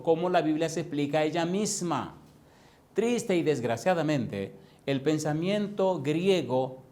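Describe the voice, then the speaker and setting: A male pastor preaching a sermon, firing rapid questions at his congregation and slowing down to stretch key words for emphasis. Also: fairly high pitch, a little mellow. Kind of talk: preaching sermon with call-and-response. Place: church congregation.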